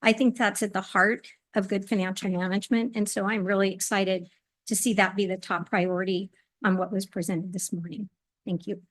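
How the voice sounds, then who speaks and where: A woman offers public comment at a council meeting, speaking into a podium microphone in a sincere, measured way with a few halting restarts. Her pitch is medium and barely moves.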